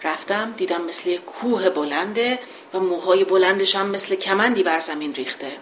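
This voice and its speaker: Woman reciting old verses, explaining them casually, lowish voice, faint background hiss. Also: fairly bright tone. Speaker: teacher of classical poetry.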